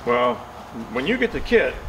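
An older aircraft kit manufacturer leads a factory tour through a large aircraft workshop hangar, explaining with many fillers and restarts. His medium-pitched voice swings widely in pitch at a normal speed. He is far from the mic, with noisy hangar sounds behind him.

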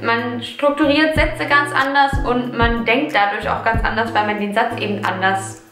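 A young German woman in her twenties, sitting on a sofa in her living room, talks through viewer questions for a casual vlog. She's chatty and thoughtful, occasionally stopping to hunt for words, her high, steady voice echoing in the room while soft music plays.

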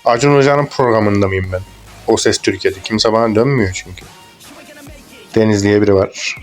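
A man's voice: on the low side, moderate pace, faint music behind. A young man giving casual, crude, joking commentary over a game, rambling and swearing as he plays. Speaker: gaming YouTuber.

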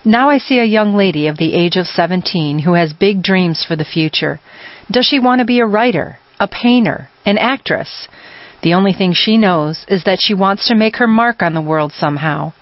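A woman reading a personal essay aloud in a measured, earnest way. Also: fairly low pitch, lively intonation, no echo, dull audio.

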